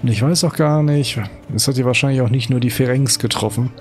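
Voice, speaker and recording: A man's voice: medium pitch, fairly quick, soft background music. A man giving casual let's play commentary, musing aloud as he goes. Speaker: let's player.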